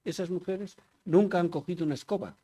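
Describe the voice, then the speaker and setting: A man's voice: high-pitched, brisk, warm tone. An older man from Spain giving an informal public talk, chatty and digressive, often turning to the audience with questions. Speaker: conference speaker.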